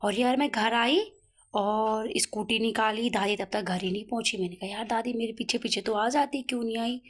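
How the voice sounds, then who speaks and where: A young woman from Uttarakhand, speaking Hindi with an Uttarakhand accent, chatting through a story in a casual home vlog, with lively asides throughout. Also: a little high, normal speed. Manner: chatty, animated retelling with many asides. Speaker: vlogger.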